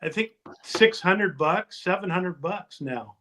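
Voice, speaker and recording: A man chatting casually on a round-table panel. His voice runs slightly high. He talks haltingly and often lets thoughts trail off unfinished. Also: expressive, sharp tone, slight background noise. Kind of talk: casual chat.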